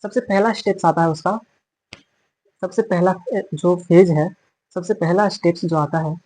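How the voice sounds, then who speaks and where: A man's voice: sits high, fairly even intonation, normal speed, darkish tone, low-quality recording. A man teaching biology in a classroom-style lecture, repeating and correcting terms as he explains and mixing English words into his talk. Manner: mixes English terms into Hindi.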